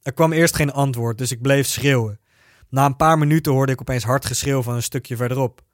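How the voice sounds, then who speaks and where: A man reading a first-person story aloud in a steady, even narrating voice. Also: mid-range voice, brisk, no room sound, studio quality.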